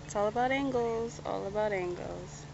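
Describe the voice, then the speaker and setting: Young woman from the US East Coast, casual beach vlog; chatty and relaxed, talking to a handheld cam, heavy wind and surf noise. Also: medium pitch, normal speed, creaky, lo-fi sound. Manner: chatty, easygoing, trails off with "I don't know". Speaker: vlogger. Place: sunny outdoor beach. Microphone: handheld camera at arm's length.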